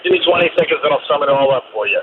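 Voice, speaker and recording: A man's voice: medium pitch, lively intonation, rapid-fire. A man from the Northeastern US calling in to a radio show on a speakerphone, joking and rambling sarcastically. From Northeastern United States. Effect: call heard over a speakerphone. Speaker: radio call-in caller. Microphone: phone on speaker. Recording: tinny speakerphone call with loud noise.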